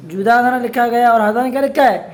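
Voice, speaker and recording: With an extremely high pitch, a man teaches a religious studies class on the grammar of scripture. His style is to question the students constantly and answer on their behalf, reading Arabic passages slowly and adding casual, teasing asides.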